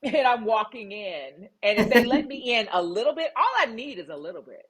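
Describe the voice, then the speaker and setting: Speaking as an interview guest, a middle-aged woman recounts her story emphatically in a candid conversation. Her fairly high, fairly bright voice is very animated with a breathy edge, and she talks a little fast.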